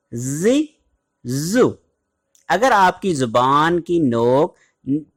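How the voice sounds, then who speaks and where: A man with a Pakistani Urdu accent teaching an online Quran recitation lesson, slowly drawing out each letter sound for students to practise. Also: a little high. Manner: slow, careful, drawn-out letter sounds for practice.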